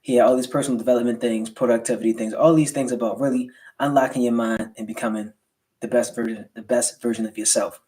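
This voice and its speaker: A man's voice: medium pitch, steady tone, quick pace, warm tone. American man with slightly slurred, swollen-lip speech. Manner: colloquial motivational delivery with rhetorical check-ins. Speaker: livestream host, entrepreneur. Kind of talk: casual livestream talk to viewers.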